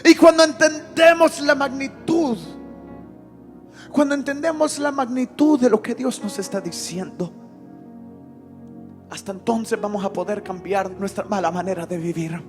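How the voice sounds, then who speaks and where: High-pitched pastor, slow sermon, gets loud and shouty, keeps repeating himself. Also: male voice, soft background music. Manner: emphatic, repeats phrases, builds to shouting. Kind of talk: Spanish-language Sunday sermon. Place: church.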